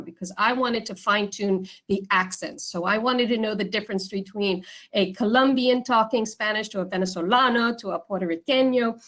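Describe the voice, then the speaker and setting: A woman's voice: mid-range voice, a bit bright. A woman from the United States answering questions on a video call, hesitant and full of fillers. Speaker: workshop participant. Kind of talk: casual conversation on a video call.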